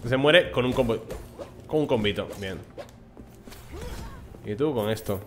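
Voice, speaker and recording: Unhurried and animated, a young man with a Spain Spanish accent gives casual let's play commentary as a gameplay streamer, swearing lightly as he plays. His voice sits at medium pitch, and faint music plays behind him.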